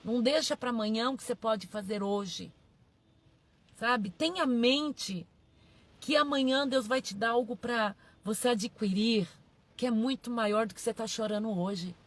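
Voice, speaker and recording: A woman's voice: fairly high pitch, a little slow. A woman pastor, preaching a sermon emphatically, repeating her phrases and calling out to her listeners.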